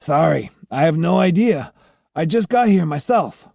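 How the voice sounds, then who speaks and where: A man voicing a humble young man, earnest and gentle, in an audiobook. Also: a little high, lively intonation, a little slow, vocal fry, dry recording, studio quality, voice pushed up, exaggerated voice. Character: humble young man, reformed former braggart. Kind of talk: audiobook character voice.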